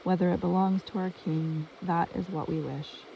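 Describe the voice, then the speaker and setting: A storyteller voicing two sexless creatures made of dirt who calmly refuse every gift. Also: mid-range voice, moderate pace, vocal fry, close to an everyday voice. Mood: insistent. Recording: distant mic with stream noise.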